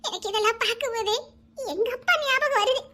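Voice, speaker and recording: A woman's voice: very high voice, fairly quick, sharp tone. An actress in a TV serial playing a young woman who speaks with tearful, heartfelt emotion about her father.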